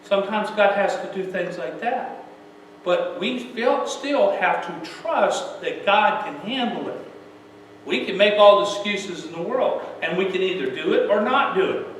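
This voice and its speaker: A man's voice: high-pitched, animated, measured pace. Folksy man preaching, questioning style; very reverberant sanctuary, distant mic. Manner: folksy, asks rhetorical questions. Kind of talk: sermon. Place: church sanctuary. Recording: very echoey church, mic far off, faint hum.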